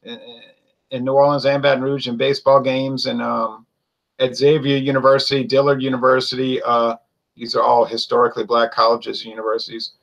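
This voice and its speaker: A man's voice: medium pitch, level tone, a little fast, gravelly, a bit bright, highs cut off. A man co-hosting a casual wine chat, rambling and opinionated, with lots of fillers and restarts. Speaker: wine show co-host.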